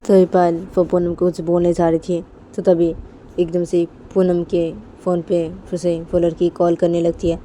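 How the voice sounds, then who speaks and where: A woman's voice: fairly low pitch, monotone, normal speed, warm tone, a little hiss or hum. A woman narrating a romantic story in a casual, rambling, repetitive way.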